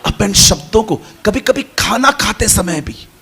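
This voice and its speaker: A man preaching a sermon to a congregation, shifting between quiet asides and loud, animated calls. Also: high-pitched, unhurried, husky. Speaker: pastor. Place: church hall with congregation.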